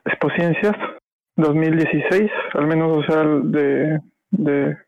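A man, his voice a little high and gravelly. He talks in a flat, hesitant way, full of fillers and restarts, recorded dry and close. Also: slow, no room sound, dull audio. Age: 30s. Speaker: podcast guest. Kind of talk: casual podcast chat.

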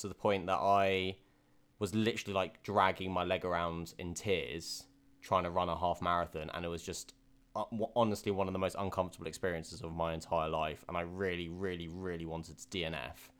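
A man's voice: deep voice, steady tone, brisk, clean tone. A young man co-hosting a podcast, telling his race stories candidly with lots of fillers and restarts. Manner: candid storytelling, many fillers. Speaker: podcast co-host. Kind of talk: casual podcast chat.

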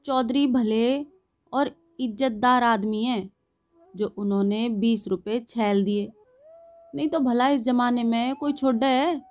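A woman's voice: fairly high pitch, steady tone, takes it slowly, darkish tone. A woman voicing a plain-spoken working father, with a homely, complaining way of talking. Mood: grumbling. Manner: homely, matter-of-fact, complaining.

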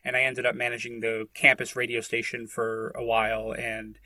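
A man, talking in a relaxed, reflective way and often restarting his sentences. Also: medium pitch, moderate pace, no echo. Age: 30s. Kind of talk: casual conversation.

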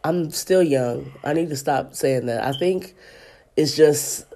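With a low, mellow voice and slow pace, a woman in her thirties podcasts from her apartment, sounding stuffy and congested, with a little hiss or hum in the audio. She talks loosely with her audience and reads passages aloud.

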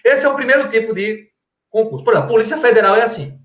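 A man's voice: sits high, rapid-fire, fairly bright tone. Didactic man in a roomy space. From Brazil, Pernambuco. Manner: didactic, colloquial, rhetorical questions, frequent "tá?" check-ins. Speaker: guest, forensic crime-scene expert. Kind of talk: explanatory conversational talk. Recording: roomy echo.

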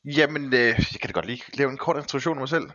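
A man's voice: medium pitch, lively intonation, bright, forceful tone, no room sound. A man speaking as a podcast guest in casual conversation, phrasing things with some hesitation and thought. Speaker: podcast guest, film and series reviewer.

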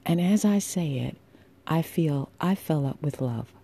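A woman hosting a solo podcast with a sultry, husky voice, speaking intimately and deliberately with emphatic pauses, affectionate and encouraging toward listeners. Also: low-pitched, expressive, dark tone. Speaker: podcast host.

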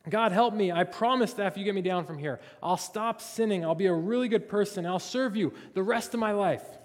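A frantic man clinging to a branch over a drop shouts and begs for rescue, as a male preacher acts him out. His voice sits high and strained. The long echo of a church sanctuary trails after every cry. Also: brisk, close to an everyday voice. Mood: pleading. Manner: shouting, pleading. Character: panicked man dangling from a cliff.

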